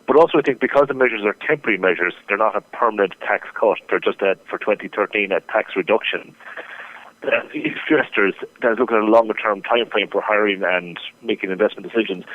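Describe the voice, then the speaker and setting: A man giving interview answers over the phone as a market strategist, talking fast with many restarts and repeated words. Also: fairly low pitch. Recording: tinny phone line.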